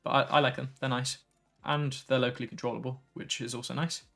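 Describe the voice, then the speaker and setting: A man talking through a relaxed evening tech livestream, his voice slightly gravelly and worn from a long day. He wanders from topic to topic and reads out viewer messages. Faint music plays quietly underneath. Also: medium pitch, fairly quick. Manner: relaxed, tired, easily sidetracked, reads chat aloud. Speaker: tech streamer. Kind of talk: casual live stream chat.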